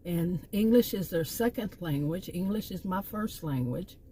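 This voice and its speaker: Sitting in her car by a park, a middle-aged Texan woman with a Texan accent vlogs a rambling, emphatic story about a bad experience, exasperated and full of asides. Her warm voice is on the low side and expressive, at a normal speed. The recording is rough, with slight background noise.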